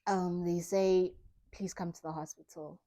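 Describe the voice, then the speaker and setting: Soft-spoken woman, mellow voice. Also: fairly low pitch, fairly even intonation, measured pace. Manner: soft, reflective, grieving, re-enacting her own thoughts. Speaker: vlogger. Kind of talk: personal storytelling vlog.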